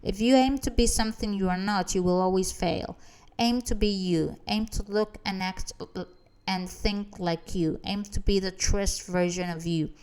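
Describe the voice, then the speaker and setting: A woman's voice: medium pitch, fairly even intonation, moderate pace, darkish tone, smooth, lightly acted. A woman reading as a confident motivational speaker. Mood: rousing. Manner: confident, rousing, emphatic.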